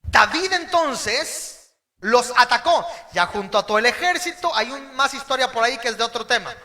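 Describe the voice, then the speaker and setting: A man preaching a sermon in a very high, bright, forceful voice. He presses his points hard, rises to shouts and has the congregation call words back to him. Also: lively intonation, quick pace. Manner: emphatic preacher, calls the congregation to repeat words, sometimes shouts. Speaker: pastor.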